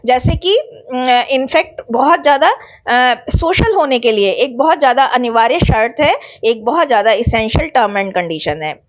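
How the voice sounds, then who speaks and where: Woman teacher, high voice, patient repetitive explaining, slightly dull lo-fi recording. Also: lively intonation, measured pace. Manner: explains patiently, repeats key words, mixes English terms. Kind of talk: exam revision lecture.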